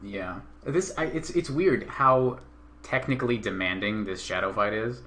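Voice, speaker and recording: A man's voice: on the low side, a little slow, bright, forceful tone, a little hiss or hum. A man commenting casually on a game speedrun, joking and bragging about his own records.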